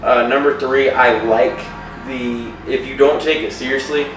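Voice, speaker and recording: A man's voice: medium pitch, steady tone, measured pace. A young man co-hosting a podcast, talking casually about horror films with lots of fillers and swearing. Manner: rambling, swears a lot, many fillers. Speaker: podcast co-host. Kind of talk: casual chat. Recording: echoey room, far from mic, faint music.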